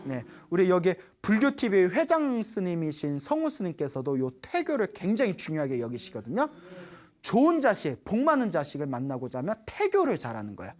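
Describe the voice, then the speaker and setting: A Buddhist nun with a lowish voice talks a little fast through a dharma talk for a studio audience, animated in her storytelling and quizzing those listening.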